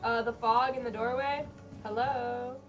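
A woman's voice: fairly high pitch, fairly even intonation, measured pace, over music. A woman streaming a video game, chatting casually with friends and laughing often. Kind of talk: casual gaming stream chat. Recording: noisy background.

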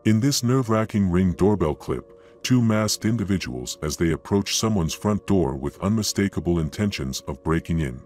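Male narrator, deep voice, grave nature-documentary storytelling with suspense, faint music underneath. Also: expressive, moderate pace, hardly any pauses, darkish tone. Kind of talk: dramatic scripted narration of security footage.

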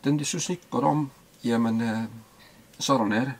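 A middle-aged man from Denmark interviewing casually in a small boat cabin, halting and repeating words. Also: mid-range voice, over a noisy crowd.

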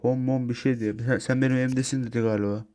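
A man's voice: medium pitch, fairly even intonation, fast talker. Young male gameplay commentator, casual and profane, ordinary mid-range voice. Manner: swears casually, translates game dialogue aloud, yells in panic. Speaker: gameplay streamer. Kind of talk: casual let's-play commentary.

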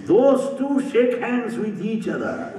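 Slow, lively man speaking in an echoey temple hall. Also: very high-pitched, a little hiss or hum. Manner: slow, rhythmic, with repeated phrases and rising and falling emphasis; humorous asides that draw laughter. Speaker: spiritual speaker. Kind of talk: spiritual talk. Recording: roomy, distant, dull hall recording.

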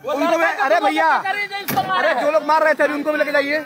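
High-pitched guy reporting live on a busy street, urgent, crowd noise all around. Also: moderate pace. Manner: urgent, confronting people on the spot. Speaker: field reporter. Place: busy street outside a court campus. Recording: noisy outdoor street recording with crowd. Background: crowd and traffic.

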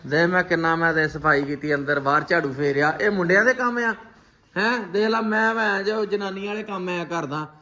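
A man's voice: sits high, brisk, pushed and bright. A man with a Punjabi accent hosting a casual family vlog, teasing and playful. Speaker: vlogger.

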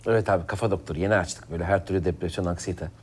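A husky, fawning quack therapist. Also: male voice, deep voice, steady tone, rapid-fire. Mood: placating. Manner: placating and eager to please. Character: eager young male amateur therapist, placating and nervous. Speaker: psychologist. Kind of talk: comedy sketch acting.

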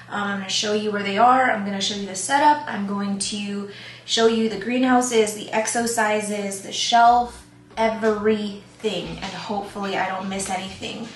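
Chatty young woman in an echoey room. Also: medium pitch. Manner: chatty, rambling, self-deprecating. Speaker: plant YouTuber. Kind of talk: casual vlog talk to camera. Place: home plant room. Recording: roomy echo, faint ambient noise.

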